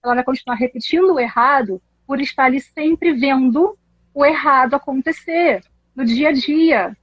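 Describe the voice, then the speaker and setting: A woman, an English teacher explaining pronunciation in a casual chat, animated and laughing often. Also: sits high, normal speed, no room sound, highs cut off.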